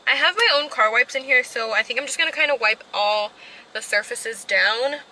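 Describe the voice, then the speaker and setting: A woman's voice: on the high side, normal speed, sharp tone, a little hiss or hum, rough recording. A young woman in her twenties chatting casually in a vlog, rambling and poking fun at herself, recorded inside a parked car on a dashboard camera. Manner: chatty, rambling, self-deprecating. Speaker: vlogger. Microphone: camera mounted on the dashboard.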